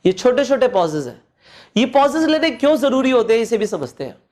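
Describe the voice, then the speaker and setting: A man teaching presentation skills, speaking in deliberate pauses and swinging his voice up and down to stress points. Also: sing-song, darkish tone. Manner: deliberate pauses and swings in pitch to show modulation; repeats phrases for emphasis, addresses listener directly. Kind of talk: coaching lesson mixing Hindi and English.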